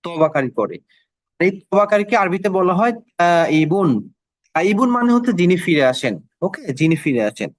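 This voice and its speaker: A man's voice: high voice, no room sound. A man teaching an online Quran and Arabic class, explaining each word and its meaning step by step, often repeating himself and checking with "okay?".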